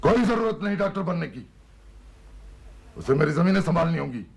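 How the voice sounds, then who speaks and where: A man's voice: medium pitch, lively intonation, a little slow, breathy edge. An actor playing a domineering rural landlord and harsh father who speaks sternly, with a Pakistani Urdu accent. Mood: commanding. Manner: stern, commanding.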